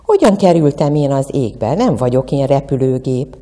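A woman's voice: very deep voice, expressive, dark tone, big-room sound. A woman voicing a grumpy male truck driver who scolds. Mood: cross.

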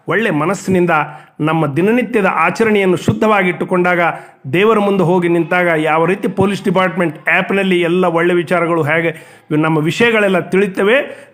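A man gives a devotional talk in a high, clear voice. He tells a story and acts out its characters' lines, and he lists things in quick short phrases. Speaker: religious speaker.

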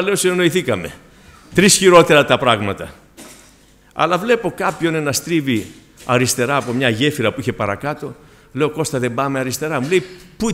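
A man's voice: fairly high pitch, a bit bright. A man preaching a sermon with a Greek accent, telling personal stories and rising to fervent emphasis.

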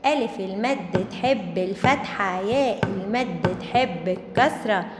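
A woman with an Egyptian Arabic accent teaching young children to read, stretching syllables out slowly and answering her own questions. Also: medium pitch. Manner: slow drawn-out syllables, asks and answers herself. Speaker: primary school Arabic teacher. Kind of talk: children's reading lesson. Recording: echoey room with faint background noise.

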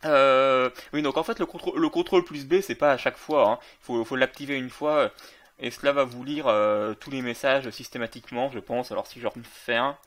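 A man's voice: mid-range voice, steady tone, fairly quick, fairly bright tone. A man casually commenting on a video game while playing, with many fillers and self-corrections. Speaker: gaming video creator.

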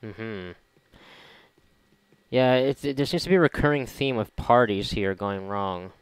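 Close-miked with no room sound, this man speaks a little slowly in a smooth voice on the low side. He's a gamer doing voice-over on his gameplay, offering loose, sarcastic, foul-mouthed, wandering remarks.

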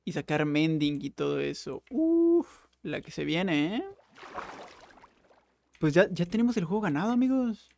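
A young man giving casual, jokey Minecraft let's play commentary, with bursts of excited exclaiming. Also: fairly high pitch, normal speed, vocal fry, long pauses, a little hiss or hum. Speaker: gaming YouTuber.

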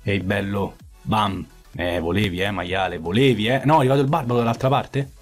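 A man's voice: lowish voice, brisk, faint music behind. A man commenting on his own mobile game match, swearing often and repeating phrases in frustration. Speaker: gaming YouTuber. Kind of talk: live gameplay commentary.

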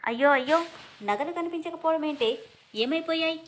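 A woman's voice: high-pitched, normal speed, a little hiss or hum, voice pushed up, close to an everyday voice. A woman voicing a scheming middle-aged aunt who scolds and wails in a storybook reading. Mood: scolding. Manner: scolding, wailing.

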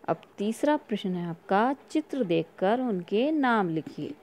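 A woman teacher leads a recorded lesson for young pupils. Her voice is mellow and unhurried. She reads each word slowly and plainly so the children can follow along. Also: medium pitch, expressive, slight background noise. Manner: slow, clear word-by-word reading for young children. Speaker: school teacher. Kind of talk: recorded online class lesson.

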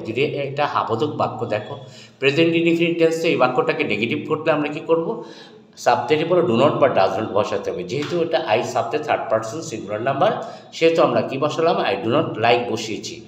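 A man teaching English grammar in a lesson, asking and answering his own questions and repeating example words slowly. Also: fairly high pitch. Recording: echoey room with long reverb.

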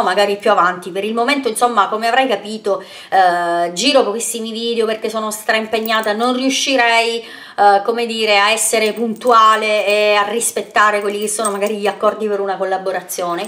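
A woman's voice: medium pitch, normal speed, a bit bright. A woman beauty vlogger answering viewer questions in a casual Q&A video, chatty and rambling, sending kisses and pet names to her followers. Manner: rambling with frequent fillers and self-corrections.

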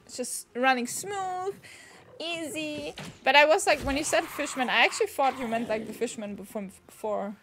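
A woman streaming a game, chatting casually, excitable and swearing freely as she reads game text aloud. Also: high-pitched, normal speed, a little hiss or hum. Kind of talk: casual gaming chat. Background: faint game music.

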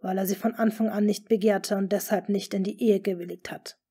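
A woman voicing a scheming noble duke in an audiobook, speaking smoothly and often in a hushed, half-whispered tone. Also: mid-range voice, fairly even intonation, natural voice. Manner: smooth, measured. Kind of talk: audiobook character reading.

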